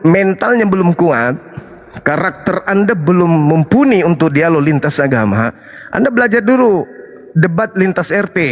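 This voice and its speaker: Combative high-voiced Indonesian man. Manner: combative, challenging, rhetorical. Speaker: religious debate host and apologist. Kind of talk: heated live debate monologue.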